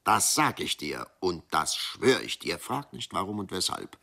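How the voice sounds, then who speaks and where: A man's voice: deep voice, sing-song, measured pace, creaky, sharp tone, exaggerated voice. A man voicing a stern, pious farmer who gives firm, solemn commands. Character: stern pious farmer husband, middle-aged.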